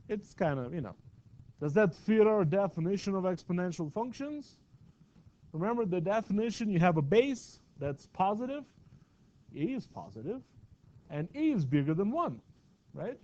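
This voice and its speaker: A math teacher lectures in a classroom, his voice sitting a little high for a man. He keeps it chatty, tossing questions out to the class. The recording is dull and lo-fi. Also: dark tone.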